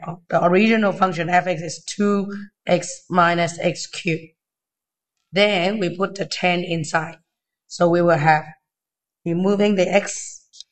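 A man with a thin, weak, unwell voice tutoring step by step in halting, short phrases, informally. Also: high-pitched. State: unwell, weakened voice. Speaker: maths tutor. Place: indoors at a desk.

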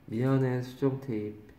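A man teaching English vocabulary to a class, drawing out pronunciations slowly and teasing and scolding his students. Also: medium pitch, mellow, slight background noise. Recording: echoey classroom.

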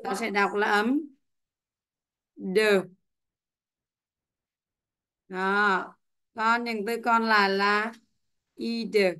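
Slow, patient woman teacher on a call. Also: medium pitch, flat delivery, sharp tone. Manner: slow, patient, drills pronunciation word by word. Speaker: English teacher. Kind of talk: online class teaching. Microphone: headset or computer mic on a video call.

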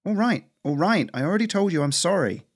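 A man's voice: sits high, lively intonation, fairly quick, husky, no echo, clean studio sound, pitched above the performer's own voice. A man voicing a rash young female squirrel in a storybook reading, defensive and anxious.

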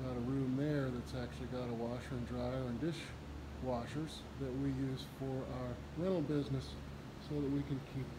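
Background noise surrounds a man with a Southern US accent as he leads a casual tour of a large indoor RV repair shop. His medium-pitched, flat voice moves at a moderate pace as he plainly explains the technical work, using some fillers.

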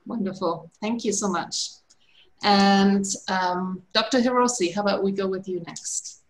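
Woman moderator, mid pitch, warm and encouraging, video call. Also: fairly even intonation, a little slow, poor audio. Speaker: panel moderator. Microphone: computer mic on video call.

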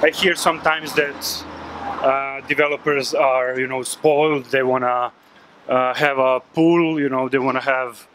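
A man in his thirties who runs a digital agency, answering interview questions in a relaxed way, with many fillers and restarts. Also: medium pitch, a little slow. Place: outdoors on a city street. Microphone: filmed by handheld camera. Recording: noisy street recording.

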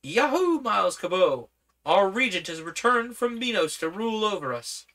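A man voicing rough palace guards who exclaim loudly in a storybook reading. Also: high voice, very animated, slow, pitched above the performer's own voice, full character voice. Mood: jubilant. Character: rough palace guards, snarling then cheering. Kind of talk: audiobook character voice.

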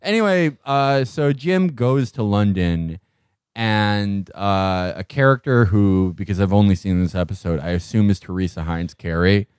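A man with a low-pitched voice rambles through a TV recap with sardonic asides, often laughing partway through his sentences. The sound is dry and close to the mic, with no room around it. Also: a little slow, a little mellow, clean tone, dry recording. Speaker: podcast co-host. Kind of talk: comedic show recap.

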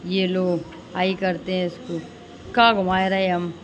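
A woman's voice: on the low side, little pitch movement, a little slow. A young woman, chatting to viewers while she vlogs her arrival and her cooking in a hostel kitchen. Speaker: vlogger. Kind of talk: casual vlog narration. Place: hostel room and kitchen, indoors. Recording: noisy phone recording.

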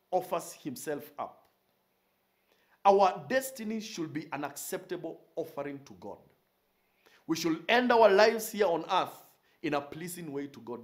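A man in his forties, a pastor standing in a small studio, preaching a recorded sermon with emphasis and repeating his key phrases. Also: fairly high pitch. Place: indoor studio with purple curtain backdrop.

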